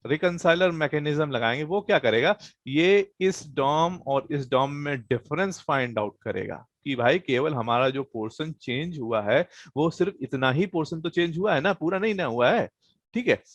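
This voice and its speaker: A man's voice: fairly high pitch, animated, moderate pace, dry recording. Casual male coding teacher, dry close sound. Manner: explains casually, many fillers and "thik hai" check-ins. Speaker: programming teacher. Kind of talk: online class lecture.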